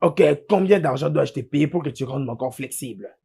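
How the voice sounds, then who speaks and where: A clumsy dance student, super gravelly and husky, stammers when he gets mad. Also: medium pitch, lively intonation, moderate pace, mellow, full character voice. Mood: complaining. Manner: stammering, indignant outbursts. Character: stiff clumsy man taking dance lessons, quick to anger. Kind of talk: dubbed film acting.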